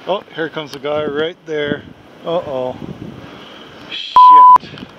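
Speaking slowly, this fortyish Canadian man has a fairly high voice whose pitch swoops wildly as he vlogs from a camping trip, laughing a lot and wandering through his thoughts with lots of fillers. The handheld camera is close while he's out in the snow, then sits a few feet off inside his little tent at night. Background noise is present and the high frequencies are cut off.

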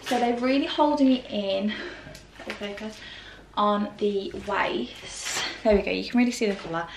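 A British fashion vlogger in her twenties chats through a casual try-on haul in a plain grey bedroom, filling her talk with constant "like"s. Her voice is mid-range and measured. The camera mic across the room catches her slightly off-mic, with roomy echo, faint ambience, and a little hiss or hum.

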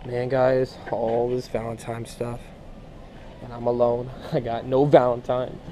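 A man's voice: mid-range voice, flat delivery, measured pace, dark tone, a little hiss or hum. A young man hosting a casual vlog, upbeat and self-mocking, talking to his viewers. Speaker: vlogger host. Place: car and apartment hallway. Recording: music playing behind.

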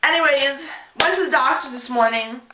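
A woman's voice: sits high, moderate pace. A young adult woman venting casually and dramatically to her phone in a bathroom, exasperated and sweary. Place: small indoor bathroom. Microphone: phone at arm's length. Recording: echoey, distant, noisy bathroom phone recording.

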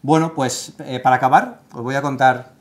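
A man's voice: mid-range voice, fairly even intonation, normal speed. A man in his thirties in a casual studio panel chat, talking emphatically with many fillers and restarts. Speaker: tech site writer leading the segment. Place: studio set with sofa.

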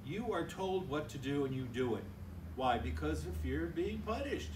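An older man, a priest, gives a conversational sermon from a lectern in a large church hall, acting out little dialogues. His voice is a little high with lively intonation at normal speed; a stand mic picks him up, filmed from a distance, over a noisy background.

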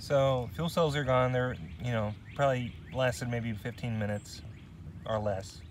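Cooking outdoors in autumn woods, this outdoor vlogger in his forties chats casually, thinking aloud with fillers and self-deprecating asides. He speaks unhurriedly in a mid-range voice with fairly even intonation. Clear background noise is present in the outdoor recording.

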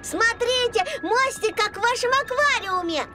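A woman's voice: extremely high pitch, a little slow. A woman voicing a cheerful, curious little girl pig in a children's cartoon, inquisitive in manner. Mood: excited. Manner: bright, inquisitive. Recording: loud music behind the voice.

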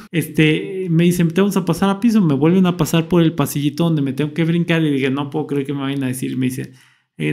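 A young man tells a personal story in a loose, casual way. His voice sits a little high but sounds mellow and dark. He jumps into quoted lines, mimicking what he and others said. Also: gravelly. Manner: animated retelling, acts out his own past quotes. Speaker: vlogger.

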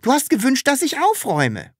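A woman voicing a cheeky, stubborn, childlike magical creature in an audiobook, with a high, bright voice and an insistent, excitable way of talking. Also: normal speed, no room sound, clean studio sound, heavily acted. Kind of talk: audiobook character reading.

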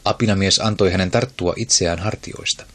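Deep, husky male audiobook narrator. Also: fairly bright tone. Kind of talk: scripted narration.

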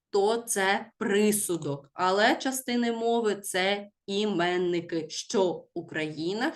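A woman teacher giving a school lesson, speaking slowly and deliberately and stressing words for children to write down. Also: medium pitch.

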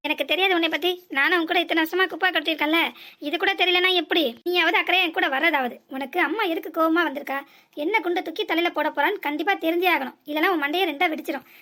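A woman's voice: very high voice, quick pace, bright, forceful tone. A woman voicing a teasing middle-aged village father-in-law in a cartoon comedy, mocking in a southern Tamil accent. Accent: southern Tamil, Tirunelveli area.

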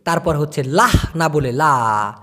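A man speaks in a casual, chatty lesson, walking listeners through vocabulary word by word. His voice sits high and swings widely in pitch. He repeats terms slowly and keeps checking that his audience understands. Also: animated, sharp tone. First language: Bengali. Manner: explains words slowly, repeats them, asks listeners if they understood. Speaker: language teacher.

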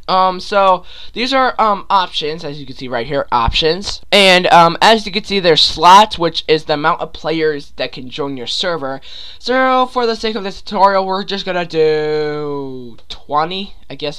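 A slightly high, somewhat bright, clean male voice belongs to a young gaming YouTuber with a sore throat and congested nose. He narrates a screen-recorded game tutorial in a rambling way, repeatedly restarting and leaning on fillers.

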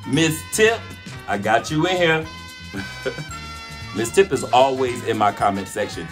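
A man's voice: mid-range voice, animated, a little slow. A man hosting a cooking channel, casually calling out names in a playful, chatty vlog giveaway. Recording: music playing behind the voice.

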